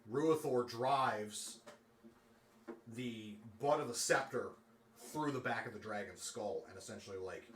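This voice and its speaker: A man's voice: on the low side, a bit bright, far from the mic, slight background noise. A man narrating a tabletop game as dungeon master in a loose, filler-heavy way, recorded off-mic in a roomy space with faint ambience. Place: room at a streamed game table.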